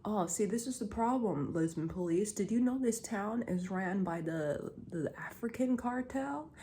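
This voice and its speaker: A woman's voice: mid-range voice, moderate pace, mellow, slight background noise. Woman ranting in a rambling, profane way. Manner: rambling, profane, heated, many fillers and restarts. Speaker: vlogger. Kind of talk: casual rant to camera.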